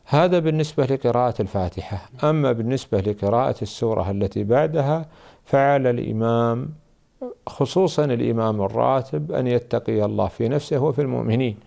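A man answering religious questions as a scholar, measured and explanatory. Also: mid-range voice, gravelly, dark tone. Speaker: Islamic scholar.

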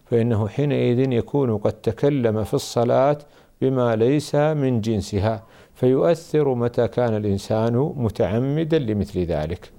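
A man answering religious questions as a scholar, measured and explanatory. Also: medium pitch, gravelly, mellow. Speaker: Islamic scholar.

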